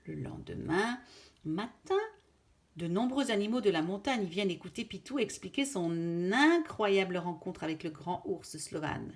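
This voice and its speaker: A woman reading a children's picture book aloud, gently, talking straight to a child. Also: on the low side, expressive, unhurried. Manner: gentle, addresses a child directly. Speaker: storyteller.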